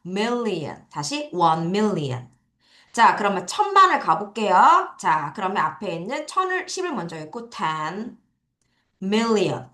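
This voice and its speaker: Woman, English teacher, children's online lesson, questions and answers, animated pitch, echoey room. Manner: explains step by step with quiz questions to students. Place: classroom at an academy.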